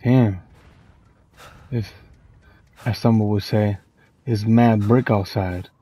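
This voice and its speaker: A man's voice: fairly low pitch, fairly even intonation, takes it slowly, mellow, breathy edge. A young man giving casual, slangy commentary while playing a horror game, jumpy and easily spooked. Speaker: gaming streamer. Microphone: headphones with mic.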